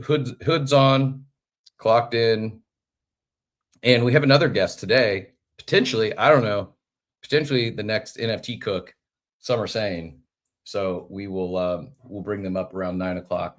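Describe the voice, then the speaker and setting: A man with a very deep voice hosts a casual live audio show, congested and nasal from a head cold. He rambles in a friendly way, full of fillers and restarts. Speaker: podcast host.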